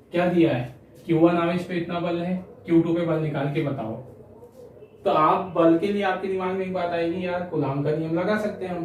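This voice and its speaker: Male physics lecturer, slightly high voice, patient question-and-answer explaining, recorded off-mic in a very reverberant room with faint hiss. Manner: explanatory, asks and answers his own questions, frequent "है ना" tags. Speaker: physics teacher. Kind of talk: classroom lecture. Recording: echoey room, voice a bit distant, faint hiss.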